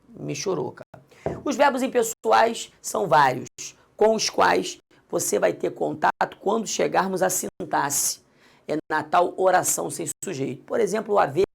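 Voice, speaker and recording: A man's voice: high-pitched, vocal fry, husky. A man teaching grammar in a recorded lesson, talking straight to the student and coaxing them along. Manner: lively, addresses the student directly and coaxes them along.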